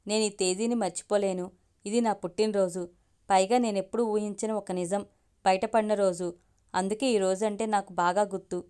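A woman's voice: mid-range voice, steady tone, normal speed, dark tone, clean tone. A woman reading a story aloud as the channel's storyteller, narrating steadily in the first person.

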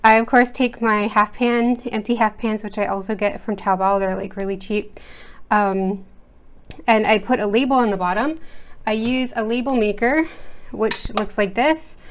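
Working at a desk in her home, this art channel host from the United States talks in a loose, rambling way, full of fillers and false starts. Her pitch is medium and her speed normal, and she stays off-screen while an overhead camera records.

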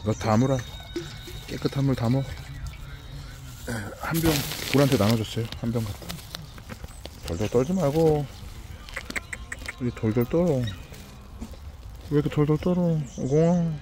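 A man talking gently to two shy country dogs outdoors as he feeds them, with coaxing baby talk and many repeated words. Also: mid-range voice, normal speed, pauses often, background noise. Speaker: vlogger feeding rural dogs. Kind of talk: casual talk to dogs and camera.

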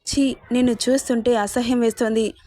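A woman's voice: fairly high pitch, little pitch movement, a little fast, warm tone, no room sound, close to an everyday voice. A woman reading a betrayed, outraged young woman. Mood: distressed.

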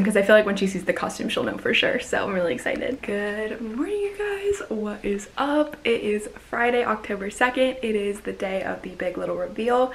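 A woman's voice: medium pitch, a little hiss or hum. A young American woman, a college student, chatting casually to vlog viewers like a bubbly, gushing sorority girl who says "like" constantly. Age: young adult.

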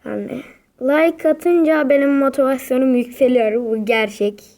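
Young woman gamer, mellow high voice, unhurried, dramatic and exasperated. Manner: dramatic, exasperated, repeats exclamations. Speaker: gaming video creator. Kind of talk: casual gameplay commentary.

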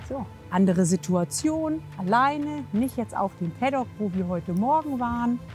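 A horse physiotherapist and trainer gives a casual hands-on demonstration at a windy, rainy horse yard, coaxing with short repeated reassurances and explaining as she works. Her voice sits on the high side with lively intonation, an unhurried pace and a darkish tone. Faint music plays in the background.

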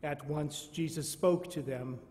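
A man, a priest, reading the Gospel at Mass in a slow, measured way, with a cathedral echo around his voice. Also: a little high, a little mellow. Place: large church. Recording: long cathedral reverb.

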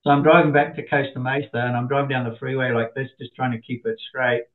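A man's voice: mid-range voice, fast talker. A middle-aged man, an interview guest and business owner, telling funny self-deprecating stories in a chatty, casual way. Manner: chatty, self-deprecating, animated quoting of others. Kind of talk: casual anecdotal storytelling. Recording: tinny phone-like line.

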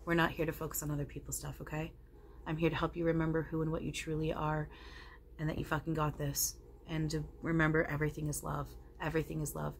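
A woman acting as seance medium for a male spirit with a low, everyday voice. The channeled spirit is blunt, loving and preachy, swearing freely while reassuring listeners. There is faint noise from the living room. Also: completely flat delivery, fast talker. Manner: emphatic, profane, reassuring, preachy. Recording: noticeable background room noise.

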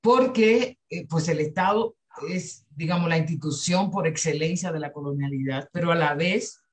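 A woman's voice: sits low, normal speed. Caribbean-accented woman, reflective and emphatic. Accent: Caribbean Spanish. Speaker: invited speaker at a webinar. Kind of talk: unscripted discussion answer. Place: indoor room on a video call.

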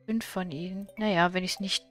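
A woman's voice: fairly low pitch, steady tone, normal speed, fairly bright tone, soft background music. A woman playing a farming game and chatting casually about her plans as she goes. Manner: chatty, comments on her plans and reads game text aloud. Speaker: let's play gamer.

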